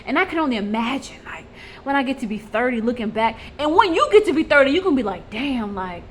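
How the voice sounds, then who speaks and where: This woman in her 20s talks fast in a high-pitched voice with big swings in pitch. In her confessional vlog she's blunt and raw, venting with many fillers and repeated lines. Slight background noise is present.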